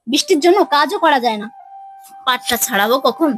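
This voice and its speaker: Harried village housewife, high-pitched, soft music behind, played by a woman. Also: expressive, fairly quick, low-quality recording. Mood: grumbling. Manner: scolding, then pleading and coaxing. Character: harried village housewife and mother, young adult.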